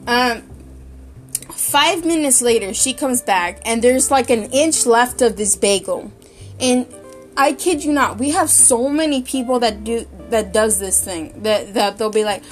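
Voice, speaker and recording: A woman's voice: on the high side, unhurried, soft background music. A young woman telling a work story in a casual, chatty, exasperated way, full of fillers.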